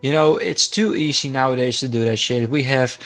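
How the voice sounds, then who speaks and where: A man's voice: mid-range voice, steady tone, normal speed, faint music behind, poor audio. A man arguing as prosecutor in a courtroom role-play game, assertive and casual, with some swearing.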